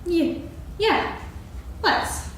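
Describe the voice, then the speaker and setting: A woman's voice: very slow, fairly bright tone. A woman playing a small, timid, earnest piglet in a staged reading of a children's story, with a childlike manner. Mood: mildly anxious. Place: stage, actors seated, live audience recording. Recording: echoey hall from far off, faint noise.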